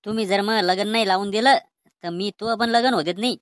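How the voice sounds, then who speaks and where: A woman voicing a bossy, stubborn old grandfather in a cartoon comedy, speaking with a Vidarbha Marathi accent in a gruff, defiant, threatening way. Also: medium pitch, fairly quick, heavy background noise, natural voice.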